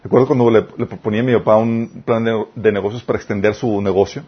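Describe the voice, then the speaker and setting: A man's voice: on the low side, fairly even intonation, fast, breathy edge, dull audio. A man preaching a sermon. He reads scripture aloud, stops to explain it, and asks his listeners questions. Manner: addresses the audience as "chicos", asks them questions.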